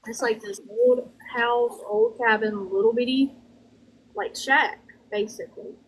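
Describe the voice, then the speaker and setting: Her voice is on the high side and steady in tone, captured in a rough recording with slight background noise. She is a Southern woman working as a medium, giving a conversational psychic reading in a drawl with folksy, halting phrasing that repeats itself.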